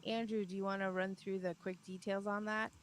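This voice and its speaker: A woman's voice: medium pitch, level tone, fairly quick. A woman co-hosting a live podcast broadcast, talking casually, upbeat and often laughing. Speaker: podcast co-host. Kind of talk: casual live-stream chat.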